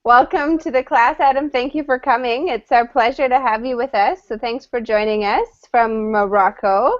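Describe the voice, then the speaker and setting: A woman teaching an online English class, greeting students warmly and laughing often. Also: fairly high pitch, fairly even intonation, normal speed. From Canada. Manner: friendly, welcoming, laughs often. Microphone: computer mic on video call. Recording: slightly dull video call audio.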